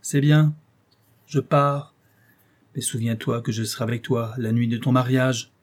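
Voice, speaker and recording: A man's voice: mid-range voice, steady tone, measured pace, lightly acted. A man voicing a wretched, vengeful male creature, reproachful and menacing, in an audiobook reading.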